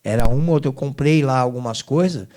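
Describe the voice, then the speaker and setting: A middle-aged man recounts a hard trip as a guest on an interview show. His voice sits at an ordinary male pitch. He jumps from loud, pressing emphasis to hushed, low-voiced asides as the story turns. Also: fast talker. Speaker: guest singer. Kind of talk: emotional storytelling testimony.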